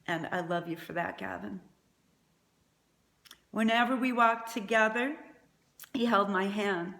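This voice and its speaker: A woman's voice: medium pitch, unhurried, gravelly, fairly bright tone. A middle-aged woman giving a prepared eulogy as a mother, speaking in a tender, faltering way. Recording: echoey room.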